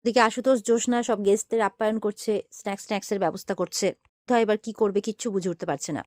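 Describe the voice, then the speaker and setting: A woman retelling a serial episode as a story, talking quickly with frequent "um"s and "aah"s. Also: medium pitch, a little mellow, no room sound, studio quality. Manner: rapid, with fillers like "um" and "aah". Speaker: serial recap narrator. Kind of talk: fast storytelling recap.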